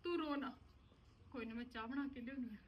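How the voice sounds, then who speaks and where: Village drama: woman playing a motherly sister-in-law, high voice, soothing and reassuring. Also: a little fast, muffled recording, slight background noise, lightly acted. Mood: comforting.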